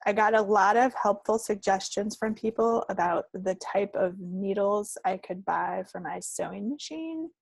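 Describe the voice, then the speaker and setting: On a knitting and crafts podcast, a woman co-host talks casually and warmly without a script. Her mid-range voice is gravelly and a little slow, with few pauses; the recording is dry and the audio quality is poor.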